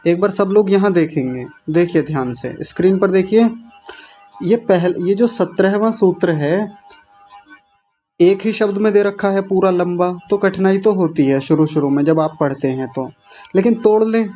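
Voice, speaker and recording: A man with a high-sitting, warm voice teaches an online Sanskrit recitation class. He drills each word slowly, syllable by syllable, and corrects his learners' pronunciation. The recording sounds dull and lo-fi, with faint music in the background.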